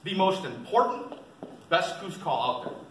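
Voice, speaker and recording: A man with a bright, forceful voice gives a folksy instructional talk, repeating key points in plain words. He is picked up from a distance in a roomy space, with faint noise behind him. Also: high-pitched, big pitch swings, unhurried. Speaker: seminar presenter, experienced waterfowl hunter. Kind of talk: informal instructional talk to a group. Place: indoor seminar at a museum.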